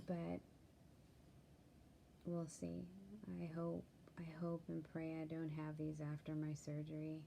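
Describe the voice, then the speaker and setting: Tired woman, low gravelly voice, flat delivery, soft and hesitant, slips into whispers, candid vlog update, faint hiss behind. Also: slow, long pauses. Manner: tired and worried, soft-spoken, many ums, drifts into whispers. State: sleepy, yawning. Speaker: vlogger sharing a health update.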